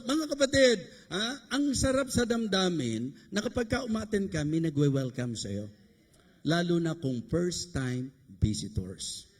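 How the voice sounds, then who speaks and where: A man's voice: high voice, breathy edge. A man from the Philippines preaching a sermon, bantering and joking with the congregation between points. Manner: joking, conversational preaching with rhetorical asides to the congregation. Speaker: bishop preaching. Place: church service abroad. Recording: echoey church hall.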